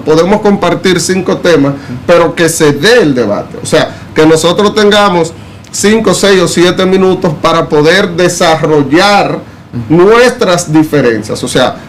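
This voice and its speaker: A man giving measured, explanatory commentary on a presidential debate in a casual discussion. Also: high-pitched, a little hiss or hum. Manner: measured, explanatory, uses fillers like "eh" and "vamos a decir". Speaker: political commentator.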